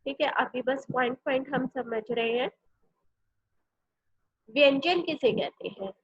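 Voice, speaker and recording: A woman's voice: sits high, unhurried, breathy edge, no room sound, highs cut off. A woman teaching a grammar lesson, explaining patiently and often checking in with her class.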